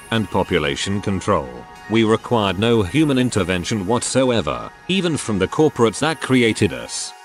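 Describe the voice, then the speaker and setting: Over a music bed, a male actor with a low, expressive voice plays an AI guide narrating a scripted story. He stays composed and measured, delivering it all with wry understatement.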